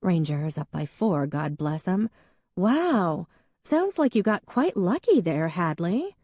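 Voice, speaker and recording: A woman's voice: fairly low pitch, sing-song, slow, mellow, dry recording, exaggerated voice. A woman voicing a tough, sarcastic young woman with a dry delivery, in an audiobook.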